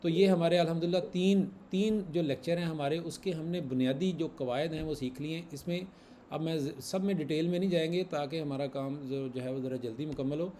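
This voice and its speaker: A man's voice: fairly high pitch, brisk, mellow, a little hiss or hum. A man teaching a class, patiently repeating examples and quizzing his students. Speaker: Arabic grammar teacher. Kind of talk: online class lesson.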